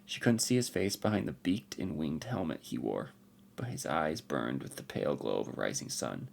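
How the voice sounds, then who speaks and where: A man, a podcast host, narrating a fantasy story in an expressive, unhurried way. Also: rumbling low, vocal fry.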